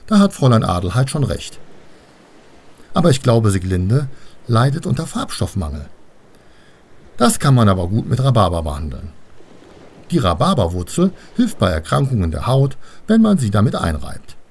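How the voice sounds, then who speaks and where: A man voicing an old, gruff but kind river father spirit who blusters loudly in a storybook reading. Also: medium pitch, sing-song, normal speed, pauses often. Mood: reassuring. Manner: loud and blustering, then soothing.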